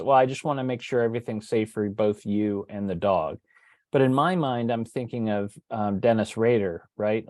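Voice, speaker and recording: A middle-aged man telling a personal story in a relaxed, conversational way, with frequent fillers and restarts. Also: on the low side, no echo. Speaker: true crime writer and teacher. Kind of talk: casual storytelling lecture.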